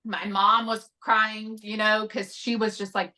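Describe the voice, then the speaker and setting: A woman's voice: medium pitch, little pitch movement, measured pace, bright, forceful tone. A woman telling a story in casual podcast chat, full of "like" and "you know". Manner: chatty, lots of "like" and "you know". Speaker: podcast guest.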